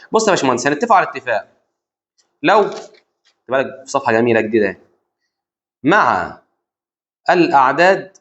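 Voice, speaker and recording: A young man with an Egyptian Arabic accent teaching a math exam review, animated and repeating key rules to his students. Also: on the high side. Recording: lo-fi dull sound.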